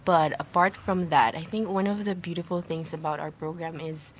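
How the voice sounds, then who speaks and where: A young woman from the Philippines, a guest on a radio talk show, explaining her volunteer program in a friendly, measured way. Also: low-pitched, steady tone, a little hiss or hum. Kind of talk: radio studio interview. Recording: slightly dull lo-fi studio audio.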